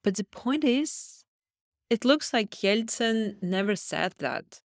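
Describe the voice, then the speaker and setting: A woman's voice: medium pitch, lively intonation, slow, no echo, clean studio sound. A woman with a Russian accent, a native Russian speaker hosting a short educational podcast and explaining phrases like a language teacher.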